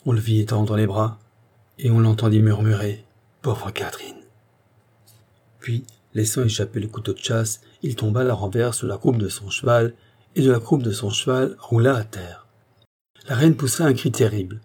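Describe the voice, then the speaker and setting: A man narrating a classic novel as an audiobook, with expressive, theatrical delivery. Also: on the low side, moderate pace, breathy edge.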